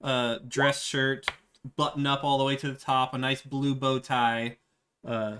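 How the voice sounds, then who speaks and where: Slow, halting male game master. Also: medium pitch, little pitch movement, a bit bright, a little hiss or hum. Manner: halting, many fillers and restarts, laughs at himself. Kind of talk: narrating a tabletop game.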